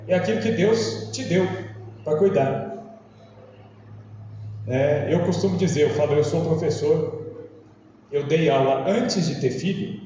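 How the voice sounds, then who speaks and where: A man's voice: high voice, warm tone, slight background noise. A Brazilian man, a teacher, telling humorous stories to a parish group and acting out the voices he quotes. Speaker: teacher giving a parish lecture. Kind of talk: anecdotal talk to a parish group. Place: large parish hall. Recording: echoey hall, distant dull mic.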